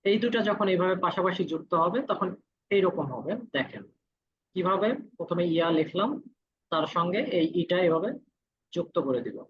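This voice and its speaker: A man's voice: sits high, animated, fairly bright tone, husky. Patient male teacher, muffled lo-fi audio. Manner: patient, repeats each vowel sound slowly. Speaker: Korean language teacher. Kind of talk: classroom lesson.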